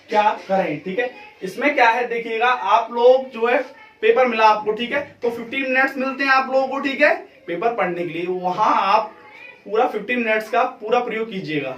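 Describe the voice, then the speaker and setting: A man's voice: high-pitched, a bit bright, highs cut off. A male teacher giving an exam tips lesson, checking in with "theek hai" after nearly every line. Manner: repeats "theek hai" constantly. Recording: echoey room, mic far off.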